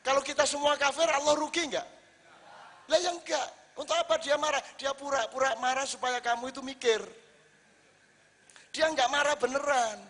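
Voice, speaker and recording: A man preaching to a live audience, lively and full of rhetorical questions. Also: very high-pitched, normal speed, pauses often. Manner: lively, rhetorical questions, acts out quoted lines. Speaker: Islamic preacher. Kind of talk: religious talk to a live audience. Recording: reverberant hall.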